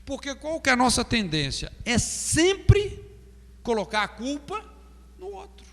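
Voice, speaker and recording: A man's voice: very high voice, huge pitch swings, unhurried, fairly bright tone, in a large hall. A Brazilian man teaching a pastoral counseling class, asking "não é?" often and acting out example phrases. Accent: Brazilian Portuguese. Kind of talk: classroom lecture.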